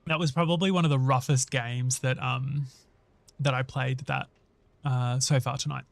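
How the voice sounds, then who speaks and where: A man's voice: mid-range voice, steady tone, moderate pace, vocal fry, no echo. A man hosting a casual gaming livestream, thinking aloud and chatting conversationally with viewers as he gives his commentary. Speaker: live streamer and host.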